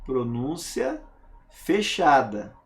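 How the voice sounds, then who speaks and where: A man's voice: mid-range voice, huge pitch swings, extremely slow. A man teaching a grammar lesson, stressing single words and asking rhetorical questions to check understanding.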